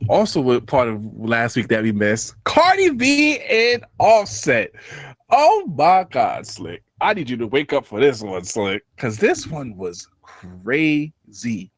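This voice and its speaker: A man co-hosting a casual podcast, talking in animated bursts that swing between loud outbursts and low mumbles. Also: no room sound. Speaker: podcast co-host.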